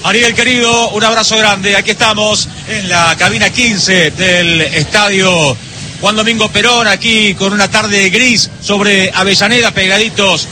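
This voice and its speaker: A man with an Argentine accent calls out a live football radio broadcast from a stadium press booth, rolling and ornate in his phrasing. His voice sits fairly high. Stadium noise hums clearly behind him. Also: measured pace, pushed and bright. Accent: Argentine Spanish. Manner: rolling, ornate announcer delivery. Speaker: play-by-play radio narrator.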